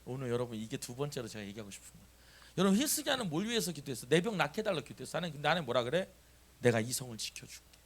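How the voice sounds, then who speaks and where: Pastor guy preaching in church, high voice swinging up and down a lot, gets people to say amen back. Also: very fast. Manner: animated, calls for congregation responses. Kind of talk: sermon. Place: church sanctuary.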